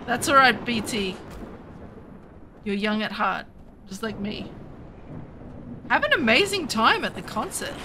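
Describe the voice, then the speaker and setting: Chatty, excitable Canadian woman streamer. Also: mid-range voice, background noise. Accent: Western Canadian. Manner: chatty, excitable, jumps between topics. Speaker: game streamer. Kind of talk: casual livestream chat with viewers.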